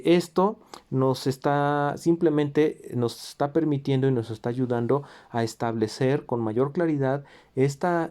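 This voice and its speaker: Guy teaching music theory, mellow low-key voice, lots of eh and restarts, hums rhythms sometimes. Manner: explanatory, with fillers and self-corrections; sings rhythms in syllables. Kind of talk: recorded music theory lesson.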